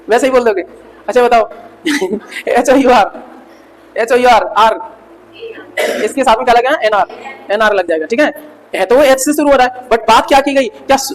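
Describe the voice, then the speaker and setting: A male English teacher giving a revision lecture, asking the class questions and answering them himself, repeating key words and spelling out letters. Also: very high-pitched. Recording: reverberant room with faint noise.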